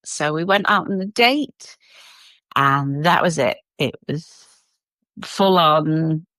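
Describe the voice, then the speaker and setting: Low-voiced woman telling her story. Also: takes it slowly, dry recording. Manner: animated, warm storyteller with many fillers. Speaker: guest. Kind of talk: personal storytelling in an interview.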